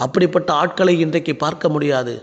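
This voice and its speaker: A man's voice: fairly high pitch, quick pace, in a large hall, muffled recording. A man preaching a sermon and praying as a pastor, with repetitive, pleading exhortation. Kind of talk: sermon and prayer.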